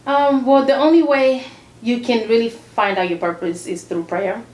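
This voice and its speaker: A woman's voice: on the high side, fairly even intonation, moderate pace, a little mellow. Woman from congo dr, grew up in zambia, gospel singer chatting, earnest and laughy, echoey room with a bit of hiss. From Congo DR, raised in Zambia. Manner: earnest, laughs often, repeats herself. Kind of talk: casual interview. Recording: echoey room with faint noise.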